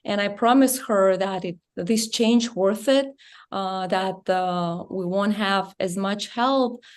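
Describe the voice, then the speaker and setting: Earnest Russian-accented woman guest. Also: mid-range voice. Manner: earnest, halting non-native phrasing. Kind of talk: personal storytelling in an interview.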